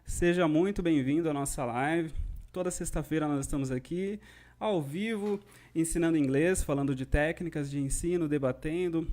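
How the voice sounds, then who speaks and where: A man's voice: on the high side, darkish tone. A Brazilian man teaching a live-streamed lesson, explaining at length and often checking in with his viewers. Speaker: English teacher.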